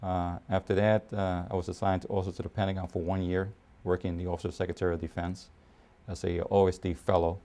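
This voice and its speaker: Pausing often and dropping fillers, an army officer in his fifties speaks in a measured way during a documentary interview. He has a low, warm voice with little pitch movement. He comes from Puerto Rico and grew up in New York City.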